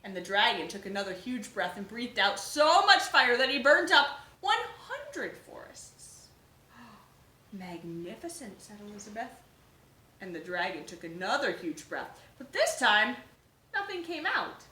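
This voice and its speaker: A woman teacher reads a picture book aloud to young children, gentle and expressive with small asides. Her voice is bright and lively in pitch, set a little high, and it echoes in the room. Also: measured pace. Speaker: preschool teacher.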